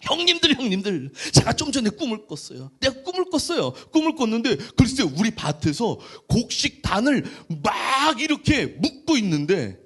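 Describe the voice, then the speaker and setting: A bragging young dreamer with a high, sing-song voice that lifts well above the speaker's usual register, as a preacher puts him on. He is eager and naive, and his pitch leaps around as he tells his dreams. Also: very animated, moderate pace, hardly any pauses, a bit bright, slightly rough, heavily acted. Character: young man Joseph, boastful and naive dreamer.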